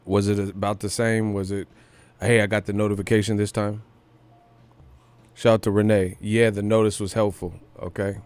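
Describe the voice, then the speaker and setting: A man with a lowish, a little mellow and smooth voice hosts a boxing news livestream, delivering it flatly at a moderate pace. His casual commentary is full of slang and some swearing, and he repeats phrases for emphasis.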